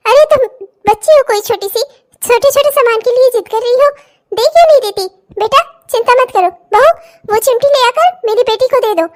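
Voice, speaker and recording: A woman voicing a bossy older mother-in-law in a cartoon, lecturing her new daughter-in-law in a scolding manner. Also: extremely high pitch. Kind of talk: cartoon voice acting.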